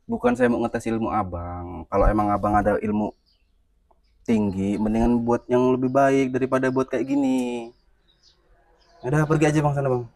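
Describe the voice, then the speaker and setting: A man acting in an amateur skit as a calm hero who stands up to a thug, teasing him and laughing at him. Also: medium pitch, normal speed, long pauses. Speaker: skit lead and channel host.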